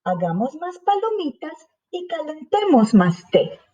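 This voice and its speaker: A woman voicing a tiny male mouse in a storybook reading, with a high, squeaky voice. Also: very animated, a little slow, dark tone. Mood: soothing. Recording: slightly dull lo-fi recording.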